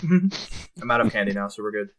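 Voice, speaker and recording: A man co-hosting a podcast in casual chat, relaxed and swearing freely. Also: fairly low pitch, a little fast, a crowd in the background. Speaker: podcast co-host.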